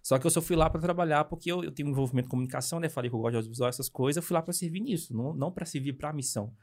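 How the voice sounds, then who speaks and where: A young Brazilian man with a fairly high pitch and a Brazilian Portuguese accent, appearing as a missionary guest, tells his story in a casual interview. His speech is animated and hurried, full of tag questions.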